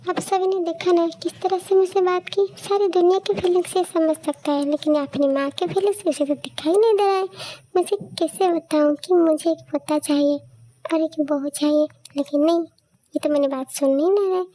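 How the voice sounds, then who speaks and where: A woman's voice: very high-pitched, moderate pace, poor audio. A woman doing a fussy, complaining mother. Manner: complaining, soft-spoken. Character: fussy middle-aged mother wanting a grandchild.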